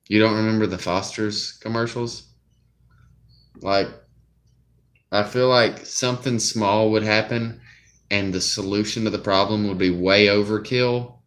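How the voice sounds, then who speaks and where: A young man with a Southern US drawl chats on a livestream. His voice sits very low and he talks at an unhurried, slow pace. He rambles and drifts easily off topic. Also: a bit bright. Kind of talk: casual live-stream chat.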